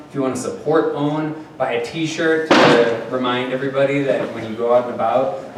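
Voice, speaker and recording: A man's voice: medium pitch, noisy background. Casual man moderating in an echoey hall. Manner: conversational, many fillers. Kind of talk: public meeting address. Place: community meeting room. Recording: echoey hall, mic at a distance.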